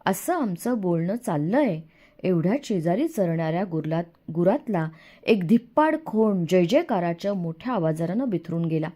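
Expressive woman reading a novel aloud. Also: lowish voice, normal speed. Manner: expressive, storytelling. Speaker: audiobook narrator. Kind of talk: first-person novel narration.

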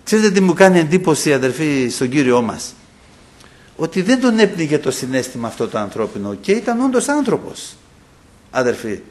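A man's voice: a little high, sing-song, a little mellow. A man preaching a sermon. He speaks with passion, acts out the voices in the stories he tells, and keeps calling his listeners brothers. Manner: impassioned preaching, acting out quoted voices, often addressing "brothers". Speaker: pastor.

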